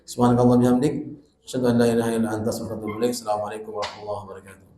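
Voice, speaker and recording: A middle-aged man preaching in a small prayer room, chatting with his audience, asking them questions and swinging between loud bursts and soft asides. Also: fairly low pitch, level tone, rapid-fire, echoey room, slight background noise. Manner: conversational, asks the audience questions. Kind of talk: religious study talk.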